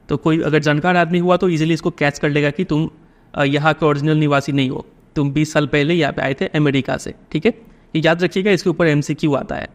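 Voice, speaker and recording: Hindi-speaking male teacher explaining text. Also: fairly high pitch. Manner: reads English lines slowly, explains in Hindi with frequent "ठीक है?".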